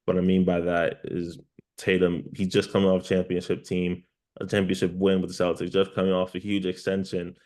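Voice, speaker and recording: Male sports pundit, deep and flat in pitch, analytical, emphatic interview delivery. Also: a little fast. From New York. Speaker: sports journalist, interview guest.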